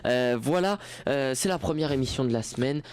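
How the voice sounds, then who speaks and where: On a studio microphone with no echo, a young man hosting campus radio talks at a moderate pace in a slightly mellow, mid-range voice. He rambles casually, often restarting and filling gaps.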